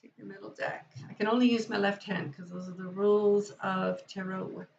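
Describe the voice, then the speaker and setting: A woman's voice: medium pitch, steady tone, moderate pace, creaky, a little mellow, a little hiss or hum. A woman hosting a live tarot reading, chatting with enthusiasm and speaking straight to her viewers. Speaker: tarot reader and livestream host. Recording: dull lo-fi sound.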